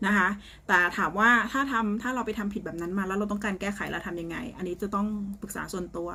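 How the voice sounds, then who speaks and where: A woman's voice: medium pitch, fast, pushed and bright, a little hiss or hum. A woman giving a casual spoken lesson to her students as a psychic teacher, chatty and blunt, often ending phrases with polite particles.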